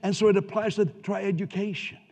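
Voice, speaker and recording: A man's voice: high voice, steady tone, fast talker. Preaching man in a reverberant church hall. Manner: conversational preaching that rises to loud emphatic peaks. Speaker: pastor. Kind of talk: sermon. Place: church sanctuary. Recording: distant hall reverb, dull sound.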